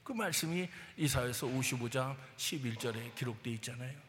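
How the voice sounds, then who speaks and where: A male pastor preaching a sermon to his congregation, animated, swinging between loud emphasis and hushed asides. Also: mid-range voice, fairly quick, a little hiss or hum. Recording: long hall reverb.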